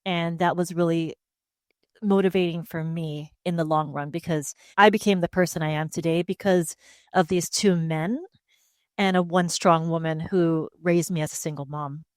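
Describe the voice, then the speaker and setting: A woman from Hawaii talks openly through her life story in a relaxed interview on a headset mic. Her voice is smooth and clear and sits a little low. The sound is dry and close. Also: normal speed, dry recording. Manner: open, steady storytelling. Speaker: guest, speech-language pathologist. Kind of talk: casual interview answers.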